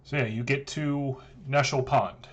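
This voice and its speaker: A man's voice: medium pitch, fairly even intonation, a little slow. A man running a tabletop role-playing game as game master, narrating scenes to players over voice chat.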